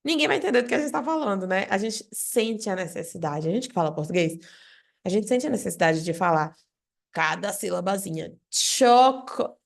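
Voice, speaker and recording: A Brazilian woman giving an online English lesson, speaking directly to the viewer and asking lively questions. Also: medium pitch, a little fast, vocal fry. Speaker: English teacher.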